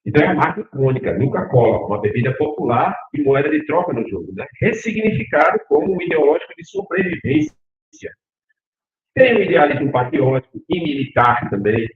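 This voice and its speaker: A middle-aged university professor from Northeast Brazil, speaking Portuguese with a Northeastern accent, gives a lively lecture in a fairly high, brisk voice. He's animated and often puts questions to the audience. The lecture hall echoes, and the sound is tinny, almost like a phone.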